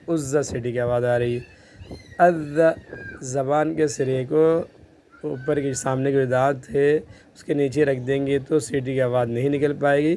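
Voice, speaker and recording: A man's voice: medium pitch, warm tone, slight background noise. A man with a Pakistani Urdu accent teaching a tajweed lesson, patiently repeating each Arabic letter sound many times and explaining how to place the tongue. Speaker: Quran recitation teacher.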